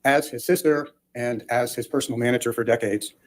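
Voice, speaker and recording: A man's voice: mid-range voice, fairly even intonation, fairly quick. A man speaking as a lawyer, putting formal questions to a witness in court.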